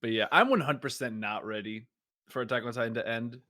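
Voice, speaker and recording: A man in his twenties co-hosting a podcast in casual chat, an animated storyteller who laughs often and swears casually. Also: medium pitch, brisk. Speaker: podcast co-host.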